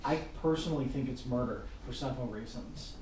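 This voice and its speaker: A man's voice: medium pitch, fairly quick, a little mellow. A man in a casual group discussion as a paranormal investigator, explaining his thinking point by point. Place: reverberant room indoors. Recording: echoey room, distant mic, faint hiss.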